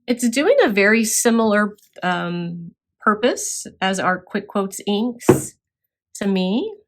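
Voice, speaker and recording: A woman's voice: mid-range voice, animated, slow, a little hiss or hum. A woman instructor demonstrating scrapbook crafting step by step, explaining as she works with occasional fillers.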